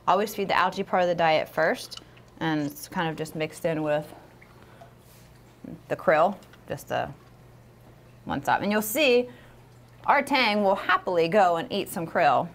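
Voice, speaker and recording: A woman co-hosting a casual livestream, chatty and upbeat with lots of fillers while she demonstrates. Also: medium pitch. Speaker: co-host of a livestream. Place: aquarium studio.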